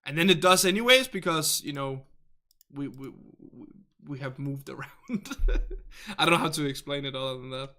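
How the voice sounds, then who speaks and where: A man's voice: mid-range voice, normal speed, bright, forceful tone. A man from northern Denmark with a Danish accent, a native Danish speaker hosting a casual livestream in English, reading viewer chat and rambling chattily while searching for words and laughing often.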